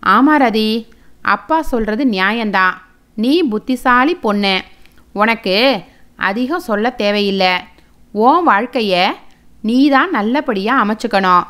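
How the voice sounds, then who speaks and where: A woman's voice: fairly high pitch, fairly bright tone. Woman voicing a sorrowful, pleading mother. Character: tearful mother grieving over her daughter.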